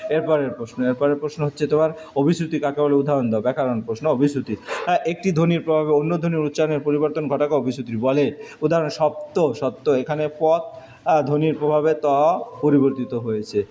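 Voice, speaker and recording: A male teacher with a somewhat high, mellow voice works briskly through exam answers in short, clipped phrases. The lesson is captured on a dull lo-fi recording with faint noise.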